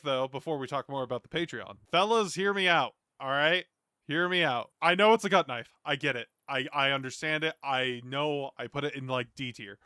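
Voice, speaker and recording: Man, bright forceful voice, dry sound, casual streamer commentary, loose informal phrasing. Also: mid-range voice, clear, resonant tone, dry recording. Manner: informal, rambling, mildly sweary. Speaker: streamer reacting to a gaming video.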